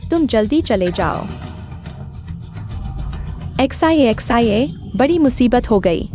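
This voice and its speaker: A woman's voice: fairly high pitch, animated, takes it slowly, mellow, soft background music. An actress in a dubbed short drama playing an anxious young female friend who speaks in an urgent, worried way. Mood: alarmed.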